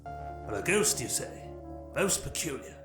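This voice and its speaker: A man's voice: medium pitch, big pitch swings, unhurried. The Doctor, a man voicing a fussy genteel alien time traveller. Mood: breezy. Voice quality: polite, fussy, old-fashioned English phrasing. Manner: soft and breezy, explaining with many "well"s. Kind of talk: audiobook character voice. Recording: roomy echo, distant mic, faint music.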